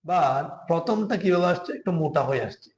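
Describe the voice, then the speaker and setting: A man from Bangladesh teaching a beginner web design class, explaining slowly and patiently step by step. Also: sits high, lively intonation, a little mellow, reverberant. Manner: slow, patient, step-by-step, often asks "ঠিক আছে?". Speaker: programming teacher. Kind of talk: live screen-share coding class.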